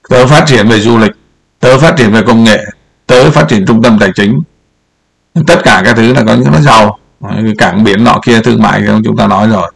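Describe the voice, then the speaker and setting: A man's voice: on the low side, creaky, slightly rough. An older man giving casual political commentary over a map, rambling and repeating words as he points things out.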